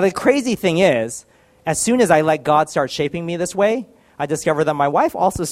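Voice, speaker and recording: Man, fairly high voice, candid and self-deprecating, telling a personal faith testimony. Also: darkish tone. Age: adult, married.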